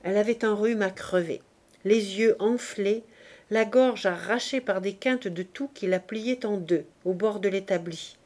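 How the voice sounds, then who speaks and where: A woman reading a novel aloud in a measured, even narration. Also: medium pitch. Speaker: audiobook reader.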